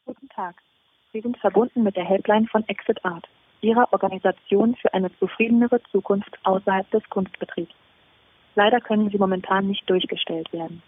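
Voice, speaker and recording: A woman's voice: mid-range voice, fairly quick, slightly rough, no echo, lightly acted. A woman playing a polite, formal helpline answering machine in a customer service voice, reading a scripted announcement over a phone line. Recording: muffled, narrow phone-line sound.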